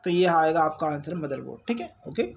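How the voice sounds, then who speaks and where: The online exam-prep teacher, speaking with an Indian accent, sounds fairly high-pitched, expressive and brisk, with vocal fry and a bit of hiss or hum in the audio. He reads and explains quiz questions informally, repeating points and checking in often with questions and tags.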